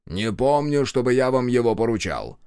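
A man's voice: mid-range voice, big pitch swings, moderate pace, darkish tone, clean tone, no echo, clean studio sound, lightly acted. A man voicing an irritable, bossy police inspector who scolds and snaps in an exasperated way.

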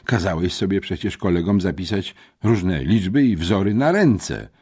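A man's voice: deep voice, expressive, moderate pace, darkish tone, slightly rough, voice pushed up. A man voicing an anxious, eager teenage boy in an audiobook, pressing urgently. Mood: pleading. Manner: urgent, pleading. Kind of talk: audiobook character voice.

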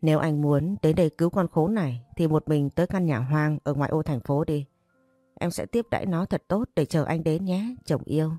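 A woman's voice: sits low, moderate pace, dark tone, no echo, faint music behind. Woman reading as a cruel jealous wife. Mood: mocking. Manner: taunting, menacing.

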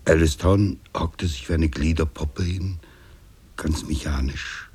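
A man playing a weary ship captain in a 1970s radio drama, husky and low. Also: takes it slowly, darkish tone, exaggerated voice. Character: weary ship captain, grey, aged by storm.

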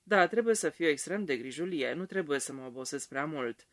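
A man's voice: animated, dry recording, clean studio sound. A man voicing a self-absorbed middle-aged wife who talks shrilly and affectedly about her health. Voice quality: shrill, sharp.

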